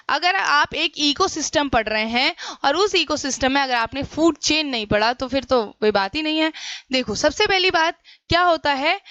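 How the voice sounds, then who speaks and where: A woman teacher giving an online exam-prep lesson, explaining in Hindi with English definitions read out slowly, often asking rhetorical questions and addressing her students as children. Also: sits high, fairly bright tone, no room sound, highs cut off. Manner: frequent checking fillers.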